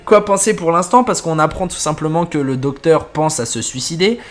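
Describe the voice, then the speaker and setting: A man hosting a horror story channel, wrapping up casually and thinking aloud with hesitant pauses. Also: a little high, lively intonation. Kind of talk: casual wrap-up commentary.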